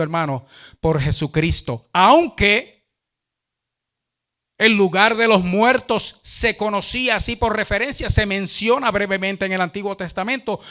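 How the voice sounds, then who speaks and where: A male pastor preaching a sermon emphatically, often addressing listeners as brother and stretching key words. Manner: emphatic, repeats "hermano", drawn-out stresses, big swings in pitch and loudness.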